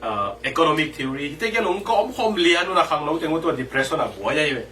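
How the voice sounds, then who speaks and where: Bright-voiced male preacher heard from afar. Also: fairly high pitch, sing-song, moderate pace. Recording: distant mic with faint background noise.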